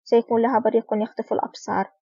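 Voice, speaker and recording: A woman reading as a gruff, gravelly yacht captain. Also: fairly high pitch, level tone, very fast, mellow, no echo. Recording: dull lo-fi recording.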